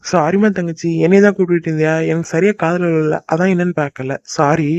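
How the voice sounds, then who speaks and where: A man voicing a fast-talking cartoon husband. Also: on the high side, fairly even intonation, darkish tone, no room sound, lo-fi sound, natural voice. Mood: soothing. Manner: fast, scolding then soothing. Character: young husband, fretful but soothing.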